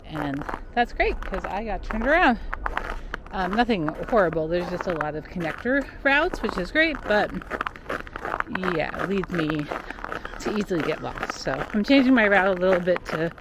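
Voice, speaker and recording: A woman's voice: fairly low pitch, very animated, normal speed. A woman chatting casually and musing aloud as she records a running vlog outdoors on park trails. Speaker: vlogger and recreational runner. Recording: clear outdoor background noise.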